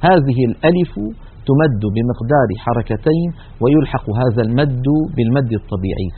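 A man teaching the rules of Quran recitation in a recorded lesson, explaining slowly and drawing out example words. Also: medium pitch, expressive, breathy edge. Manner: slow explanatory delivery, stretches example words. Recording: tinny narrow-band recording.

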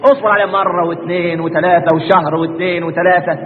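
Egyptian male preacher, rapid, high voice, lively rhetorical questioning, lo-fi reverberant hall. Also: slight background noise. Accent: Egyptian Arabic. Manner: rhetorical questions answered himself. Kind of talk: colloquial religious lesson.

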